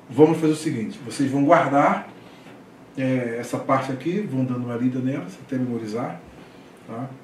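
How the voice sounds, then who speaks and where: A man's voice: medium pitch, a little mellow, a little hiss or hum. A man teaching a class, explaining step by step and often checking in with the students. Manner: explanatory, frequent "tá?" checks, hesitant restarts. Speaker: Greek teacher. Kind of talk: classroom lecture. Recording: echoey room, voice from far off.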